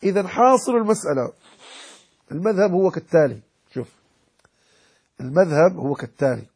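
Man giving a religious lesson, raspy husky voice, keeps asking if it's clear, repeats himself to explain. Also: high-pitched, animated, a little fast, a little mellow. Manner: explanatory, repeats key points, checks understanding with the listeners. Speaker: sheikh teaching Islamic jurisprudence.

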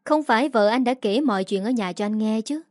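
A woman's voice: fairly high pitch, fairly quick, a little mellow, no room sound, close to an everyday voice. Woman voicing a scolding mother-in-law, sarcastic, storybook figure, dry close sound. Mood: scornful. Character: sharp-tongued middle-aged mother-in-law.

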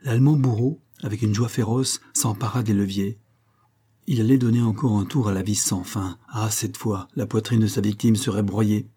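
A male audiobook narrator who tells the story in a measured, dramatic way. His voice is low and husky, with a dark, mellow tone. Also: fairly even intonation. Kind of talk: scripted narration.

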